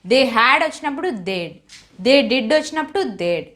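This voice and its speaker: A woman's voice: sits high, lively intonation, a little slow, fairly bright tone. A woman with a Telugu accent teaching English in a methodical lesson, mixing Telugu and English and spelling out words letter by letter.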